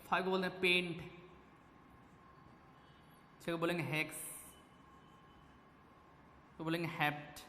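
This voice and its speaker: A man with a fairly high voice runs a classroom lecture, calling out questions and answering them for his students. His voice rings through a big hall with a long echo. Faint room noise sits behind him. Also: level tone, measured pace, pauses often, sharp tone. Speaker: chemistry teacher. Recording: echoey classroom with faint ambience.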